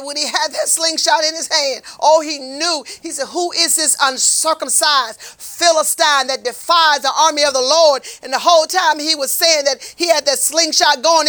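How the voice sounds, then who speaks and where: A woman giving an impassioned, folksy Bible lesson, swinging between loud preaching and hushed asides. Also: high voice. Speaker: Bible teacher for a prison ministry.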